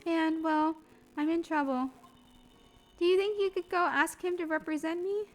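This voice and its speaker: A sincere young apprentice medium from a video game pleads politely for help, voiced by a woman. The voice sits well above an ordinary woman's pitch and stays soft and earnest throughout. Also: normal speed, soft background music. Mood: pleading. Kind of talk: reading game dialogue aloud in character.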